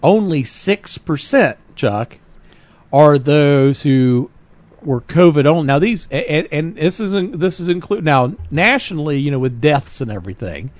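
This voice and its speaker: A man's voice: fairly high pitch, animated, measured pace, a little mellow, no room sound. A man co-hosting a political talk podcast, speaking earnestly and emphatically, often correcting himself mid-sentence. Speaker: podcast co-host. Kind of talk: political talk radio chat.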